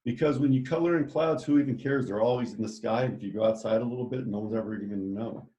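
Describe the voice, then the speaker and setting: A cheerful man of middle pitch leads a children's art class. He chats along as he works and guides the students step by step. His voice echoes in a reverberant room. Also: fast talker, warm tone. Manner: enthusiastic, chatty, directs students step by step. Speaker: art teacher.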